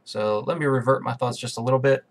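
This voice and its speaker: A man's voice: medium pitch, quick pace. A man hosting a podcast, chatting casually about upcoming fights, rambling and correcting himself as he goes. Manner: rambling, self-correcting, talks to listeners as guys. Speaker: podcast host. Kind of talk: casual fight preview chat.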